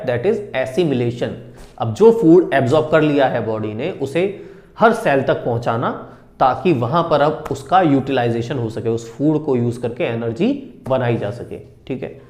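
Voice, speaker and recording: Man teaching science in a high, echoey voice. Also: darkish tone. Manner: asks the class questions and answers them himself, repeats key terms. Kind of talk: explanatory classroom lecture. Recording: echoey room.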